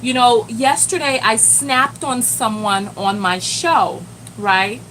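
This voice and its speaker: On a live stream, a woman working as a self-love coach chats animatedly and speaks straight to her viewers, even exclaiming "Lord have mercy." Her voice is a little high and she takes her time. The recording is low quality, with slight background noise.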